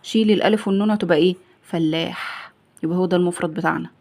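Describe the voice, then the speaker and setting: Egyptian lady teacher, talks super fast, quizzes little kids and answers for them. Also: fairly low pitch, fairly even intonation, a little mellow. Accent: Egyptian Arabic. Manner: asks and answers her own questions, acting out the pupil's replies. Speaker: primary school teacher. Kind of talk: grammar lesson for young children.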